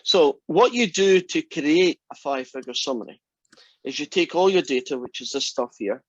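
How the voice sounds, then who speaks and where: His voice is a little high and husky, with lively intonation at a normal speed. The speaker, a man in his sixties, teaches an online math class in a chatty, friendly manner, often asking "right?" It's recorded dry on a computer mic during a video call, with dull lo-fi call audio.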